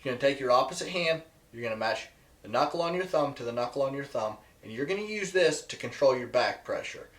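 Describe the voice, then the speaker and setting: A man's voice: medium pitch, expressive, fast, a bit bright. A man presenting an instructional video to viewers, emphatic and repeating key points for stress. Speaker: presenter teaching goose calling. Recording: echoey, roomy sound.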